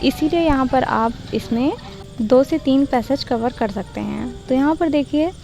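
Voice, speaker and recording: A woman tutor explaining a lesson plan step by step, mixing Hindi and English and reading English lines slowly. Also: high-pitched, creaky, warm tone, faint music behind, poor audio. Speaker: teacher-training tutor. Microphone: voice-over for screen slides.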